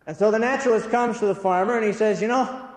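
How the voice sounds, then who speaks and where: A man delivers an earnest church talk full of storytelling, his voice a little on the high side. He speaks straight to the people in front of him. The recording rings with a long reverb from a large, echoing hall. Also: steady tone, fast talker, darkish tone. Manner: earnest, storytelling, addresses audience directly.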